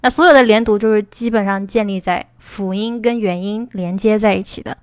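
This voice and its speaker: A woman teaching English pronunciation in a livestream. She explains step by step, checks in with her listeners and slows down to model English words. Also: mid-range voice, clear, resonant tone, no echo, clean studio sound. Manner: explanatory, asks "对吧" to check understanding. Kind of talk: livestream lesson.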